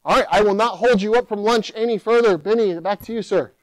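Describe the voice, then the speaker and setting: A middle-aged man, a keynote speaker, answering audience questions at a conference podium in an animated way, sometimes mimicking complaining users. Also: sits high, quick pace, rough recording. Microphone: podium microphone.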